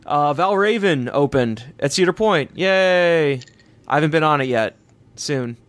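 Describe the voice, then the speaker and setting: A man co-hosting a casual chat, upbeat and quick to laugh, with frequent fillers. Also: fairly high pitch, expressive, a bit bright, no room sound. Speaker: podcast co-host.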